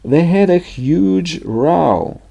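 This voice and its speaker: A man's voice: on the high side, expressive, drawn-out words, vocal fry, dark tone. A man teaching a language lesson, reading example sentences and then translating them. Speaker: English teacher.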